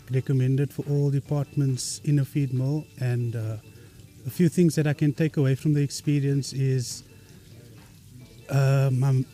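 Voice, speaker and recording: A man with a very dark, mellow voice sums up a course he attended in a brisk, plain way. Quiet music plays behind him. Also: mid-range voice. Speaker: course participant. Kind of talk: interview testimonial.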